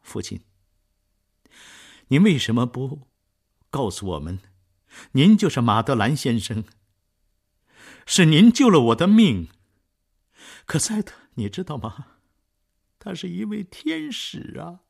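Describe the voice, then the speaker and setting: Young man, voiced by a male reader, fervent and loud, lively swings in pitch, husky, storybook. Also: measured pace, exaggerated voice. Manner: raised, loud, fervent delivery. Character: impassioned young man, earnest and emotional. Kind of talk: storybook reading.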